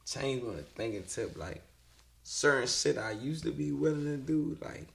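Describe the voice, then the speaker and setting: A man's voice: medium pitch, moderate pace, vocal fry. A man around thirty chatting casually and bluntly as a podcast guest, in slangy, profane, bro-like talk. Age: about 30.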